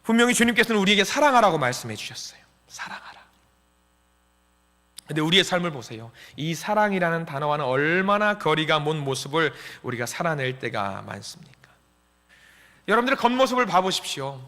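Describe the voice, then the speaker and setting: A male pastor giving a Sunday sermon in a church, swinging between shouts and near-whispers and acting out the voices he quotes. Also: fairly high pitch, sing-song, fast talker. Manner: acts out quoted voices and sighs. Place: church sanctuary. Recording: long church-hall reverb.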